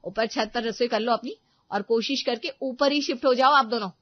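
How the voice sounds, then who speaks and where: A woman voicing a bossy, sharp-tongued young daughter-in-law who talks in a scornful, demanding way in a cartoon story. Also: on the high side, fairly quick, highs cut off, pitched above the performer's own voice, lightly acted.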